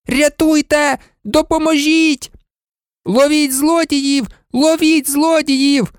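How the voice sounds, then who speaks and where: A man reading an audiobook, voicing a frightened young boy who pleads in a raised, high voice. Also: steady tone, moderate pace, dry recording, clean studio sound. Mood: shouting. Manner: high pleading voice, shouting for help.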